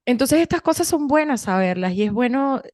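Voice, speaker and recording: A woman's voice: high voice, a little fast, no room sound. Chatty Venezuelan woman, dry sound. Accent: Venezuelan Spanish. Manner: chatty, animated storytelling with many restarts. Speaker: podcast co-host. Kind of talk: casual conversation.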